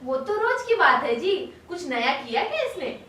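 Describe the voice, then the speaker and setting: A woman playing a meek, squeaky-voiced housewife. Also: very animated, moderate pace, bright, forceful tone, very echoey, distant mic, full character voice. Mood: mild. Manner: mild, siding with her son. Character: meek, agreeable housewife and mother.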